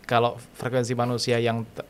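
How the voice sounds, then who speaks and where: A man's voice: mid-range voice, monotone, moderate pace. A man hosting a conversational interview, asking probing questions and murmuring along as he listens. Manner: inquisitive, frequent murmured backchannels. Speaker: host.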